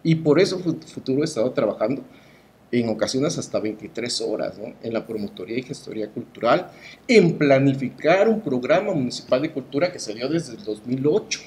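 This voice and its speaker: A man's voice: mid-range voice, lively intonation, brisk, a little mellow. Emphatic middle-aged Mexican man. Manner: emphatic, rhetorical, ends phrases with tag questions. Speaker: cultural promoter and artist being interviewed. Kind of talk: opinionated interview talk.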